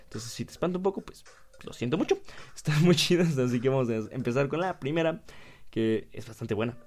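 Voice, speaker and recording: A man's voice: medium pitch, animated, fairly quick, a little mellow. A young man with a Mexican accent, hosting casually, reading out listener stories and joking in slang. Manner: slangy, joking, laughs often. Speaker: podcast host.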